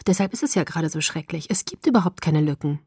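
A woman reading an audiobook, voicing a guilt-ridden teenage girl who speaks in hushed, often whispered tones. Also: low-pitched, animated, fast talker, slightly rough, no echo, studio quality. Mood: pleading.

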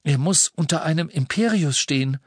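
A man's voice: on the high side, expressive, moderate pace, slightly rough, no room sound, clean studio sound, pitched above the performer's own voice. A man voicing a shaken, defiant teenage boy wizard arguing his case. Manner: defiant, agitated pleading.

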